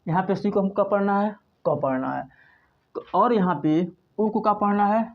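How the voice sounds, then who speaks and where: A man's voice: high-pitched, moderate pace. A man teaching an English class. He talks patiently, repeating each point and asking and answering his own questions. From India. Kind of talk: spoken classroom lesson. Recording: dull lo-fi recording.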